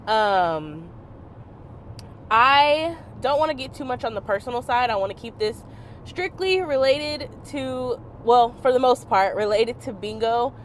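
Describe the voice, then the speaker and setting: A woman's voice: a little high, animated, measured pace, a little hiss or hum. A woman content creator with a congested, stuffy voice, chatting casually while driving. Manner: chatty, many fillers. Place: in a car, driving.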